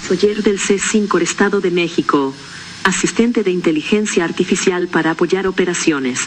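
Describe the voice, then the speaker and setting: A woman's voice: lowish voice, normal speed, slight background noise. A text-to-speech voice of a female security robot, stiff and announcer-like, played back from a clip. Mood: robotic. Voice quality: flat, stiff announcer-like delivery. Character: security robot woman with a synthetic voice.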